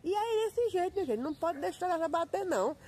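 Lively folksy woman. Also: fast, a little hiss or hum. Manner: lively, preachy, folksy, with sudden pitch jumps. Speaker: content creator. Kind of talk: motivational monologue to followers.

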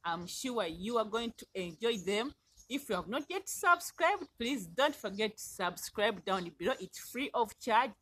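Slow-talking Ugandan woman vlogging outdoors. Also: fairly high pitch, big pitch swings, fairly bright tone, husky. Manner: friendly, repetitive, drawn-out phrasing. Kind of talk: casual vlog talk to camera. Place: outdoors in a garden.

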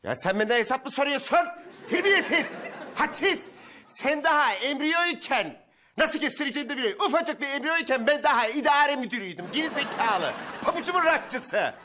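An actor playing a pompous, short-fused middle-aged office manager with a regional accent who shouts insults, in a TV sitcom. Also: male voice, very high voice, lively intonation, fairly quick. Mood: irate. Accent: regional Turkish accent. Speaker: sitcom character. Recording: TV sitcom audio with laugh track and noise. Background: studio audience laughter.

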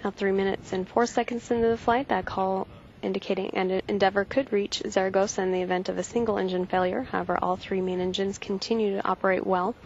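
A woman giving measured, factual live launch commentary from mission control. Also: medium pitch. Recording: dull broadcast feed, faint noise.

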